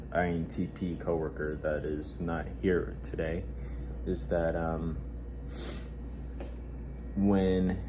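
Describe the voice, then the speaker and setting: A man with a congested nose talking casually and haltingly to his audience, recorded in a warehouse. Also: low voice. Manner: halting, hesitant delivery with repeated words and pauses. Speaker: vlogger. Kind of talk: casual rambling talk. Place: warehouse at work. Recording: noisy warehouse ambience.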